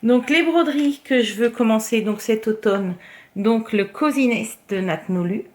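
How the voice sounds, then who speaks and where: A woman vlogger in casual show-and-tell chat, talking her way through her crafts with many fillers and the odd soft murmur. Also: a little high, a little slow. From France. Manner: chatty, filler-heavy, often drops to a soft murmur.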